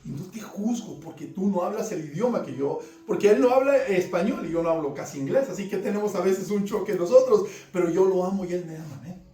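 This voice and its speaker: A man preaching a fervent sermon, swinging between loud emphasis and quiet asides. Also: sits high, lively intonation, fast, few pauses. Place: church service. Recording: roomy church sound from a distant mic, faint music behind.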